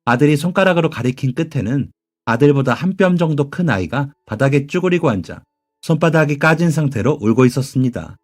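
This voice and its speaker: A man calmly reading a listener's first-person story as scripted narration. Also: on the high side, a little fast, faint music behind.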